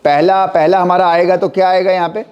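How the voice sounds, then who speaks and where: A man's voice: high voice, little pitch movement, brisk, darkish tone, clean tone, muffled recording. A middle-aged man lecturing an anatomy class, mixing Hindi and English and often checking that students follow. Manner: mixes Hindi and English, spells terms letter by letter; stresses pronunciation, asks checking questions. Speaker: anatomy teacher.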